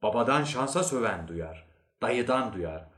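A male narrator telling a short story with a wry, expressive delivery and a lively, swinging pitch. The reading sounds echoey, as if in a bare room. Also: a little slow.

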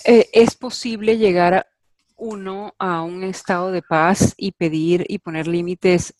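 A woman's voice: on the low side, steady tone, unhurried, a little mellow, no room sound. A woman on a talk panel voicing doubts in a hesitant, thinking-aloud way. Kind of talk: talk show discussion.

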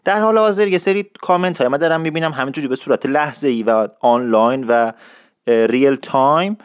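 A man's voice: medium pitch, clean tone, dry recording. Guy doing a jokey podcast, acts all serious like he's teaching, mid voice, very dry close mic. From Isfahan, Iran. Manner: mock-serious, playful lecturing tone. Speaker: podcast host. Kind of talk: humorous podcast monologue.

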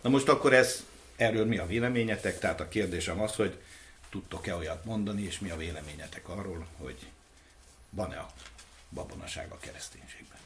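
Low-voiced guy hosting a chat, asks questions, jokes around, faint hiss behind. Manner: animated questioning, jokey asides. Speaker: podcast host. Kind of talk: casual discussion.

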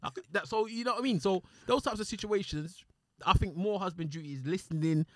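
Emphatic, fast-talking London roadman podcaster. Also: high voice, dry recording. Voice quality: street slang. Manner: emphatic, repeats points, talks over others. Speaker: podcast host. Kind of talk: casual podcast discussion.

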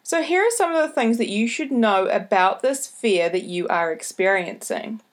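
Female podcast host, broad Kiwi accent, slow and deliberate, medium pitch, motivational advice straight to listeners. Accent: broad New Zealand (Kiwi). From New Zealand. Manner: deliberately slowed, careful delivery with repeated key points.

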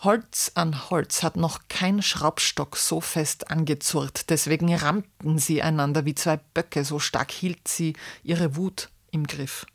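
A woman reading a verse narration aloud in a measured, expressive way. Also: low-pitched, no room sound, clean studio sound. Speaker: reader.

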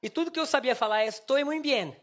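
A young man preaching, telling a funny personal story with lively acted dialogue. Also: very high-pitched, fast talker. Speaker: pastor. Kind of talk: sermon with storytelling.

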